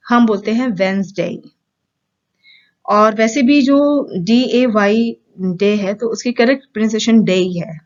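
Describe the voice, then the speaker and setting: A woman with an Indian accent teaching correct English pronunciation in a casual lesson, explaining patiently with many pauses and repeated examples. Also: a little high, darkish tone, dull audio.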